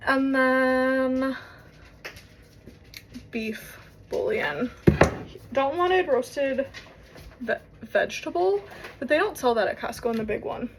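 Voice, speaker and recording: A woman's voice: high-pitched, takes it slowly, long pauses. A young woman talking casually to her phone camera in a vlog, rambling along with lots of fillers. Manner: chatty, rambling with many fillers. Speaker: vlogger. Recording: noisy, with vehicle sounds.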